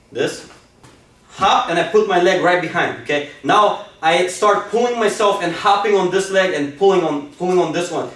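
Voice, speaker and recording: A man's voice: on the high side, fairly bright tone, distant mic. A man coaching wrestling moves in a demo, enthusiastic and full of "okay?" and "super" as he talks students through each step. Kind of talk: instructional technique demo. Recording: echoey room, speaker off-mic.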